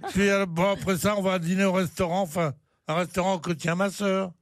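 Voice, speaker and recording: An older man on a radio panel telling crude jokes in a deadpan, stammering way. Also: high voice, fairly quick. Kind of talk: joking radio panel banter.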